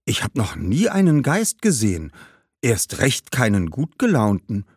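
A man's voice: a little high, sing-song, unhurried, no echo, studio quality, voice pushed up. A man voicing an earnest, bookish young schoolboy who talks eagerly and insistently in a storybook.

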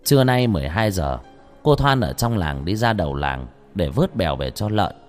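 A man narrating a ghost story in an animated, earthy way. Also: deep voice, normal speed. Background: faint music.

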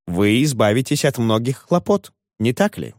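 A man doing a flustered elderly gentleman. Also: mid-range voice, very animated, normal speed, no room sound, studio quality, natural voice. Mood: genial. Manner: genteel, flustered pleading.

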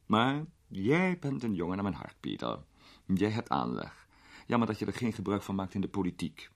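A man voicing a sharp-tongued old duchess and grandmother, gossipy and doting, in a storybook reading. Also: low voice, very animated, normal speed, gravelly, full character voice.

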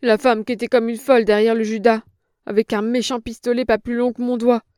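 Woman doing a shrill, whining old hag, high and loud, dry studio read. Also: level tone, fairly quick, clear, resonant tone, dry recording, lightly acted. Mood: whining, frightened. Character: old vulgar female innkeeper, whining and scared.

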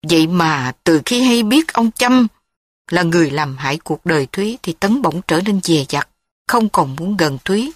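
A woman narrating an audiobook drama in an even, steady storytelling manner. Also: fairly low pitch, moderate pace, dry recording.

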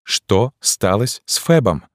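A man with a deep voice reading an audiobook and voicing a proud, furious young woman prisoner who swings from icy coldness to screaming rage. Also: big pitch swings, takes it slowly, dry recording, studio quality. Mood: cold. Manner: cold, then screaming in rage.

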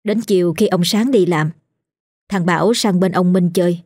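A woman narrating a scripted ghost story in a steady, measured storytelling manner. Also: lowish voice, no room sound, studio quality.

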